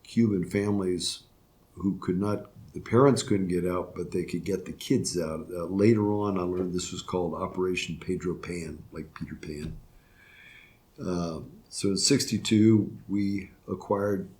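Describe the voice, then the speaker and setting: With a deep, steady and darkish voice, this retiring Florida circuit court judge, an older man, reflects on interview questions. He speaks haltingly, often restarting and using fillers.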